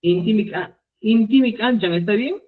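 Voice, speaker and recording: A man teaching a live online Quechua class, repeating phrases slowly for students. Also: high voice. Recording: phone-like narrow sound.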